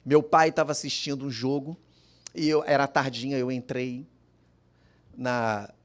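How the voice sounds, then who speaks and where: A man's voice: medium pitch, level tone, measured pace. A man giving an emotional personal testimony as a father at a public forum, acting out the voices of his family as he tells the story. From Brazil.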